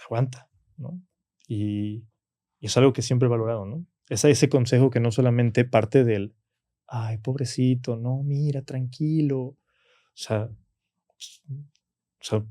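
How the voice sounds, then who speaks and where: A man with a Mexican Spanish accent tells personal stories in a dark, mellow voice. He talks loosely, leans on "¿no?" and "o sea", and slips into the voices of people he quotes. The recording is dry and close. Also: mid-range voice, no room sound. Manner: frequent "¿no?" and "o sea" tags, acts out quoted voices. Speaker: podcast guest. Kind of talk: casual conversational storytelling.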